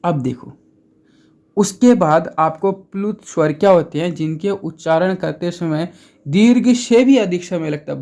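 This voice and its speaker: A man's voice: on the high side, a little mellow. A man teaching Hindi grammar in a casual exam-prep lesson, chatty, asking and answering his own questions and repeating key points.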